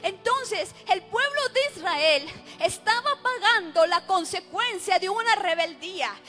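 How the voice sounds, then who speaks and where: Woman, preacher, very high voice, impassioned sermon, faint background music. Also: lively intonation, measured pace, bright, forceful tone. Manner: impassioned, quotes prayers in a pleading voice.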